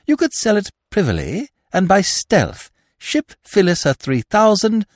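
A man voicing an excitable, chattering young upper-class Englishman in a storybook reading. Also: unhurried, no room sound, studio quality, heavily acted. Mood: eager. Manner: eager, chattering, high-spirited.

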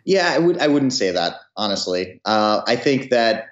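A man in his thirties, a company founder answering interview questions in a hesitant way, with many pauses. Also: lowish voice, big pitch swings. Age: 30s. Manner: hesitant, full of fillers and restarts. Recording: roomy, dull audio.

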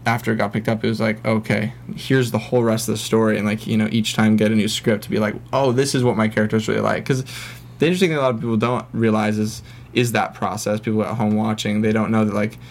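A young man, an actor guest, chatting casually and rambling with many restarts. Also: lowish voice. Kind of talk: casual chat.

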